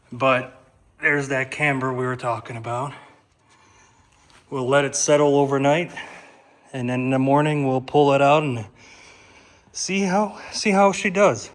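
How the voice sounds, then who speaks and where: A man hosting a casual car vlog, calmly explaining each step as he works in a garage. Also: medium pitch. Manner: relaxed, explaining step by step while working. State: out of breath. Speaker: car channel host.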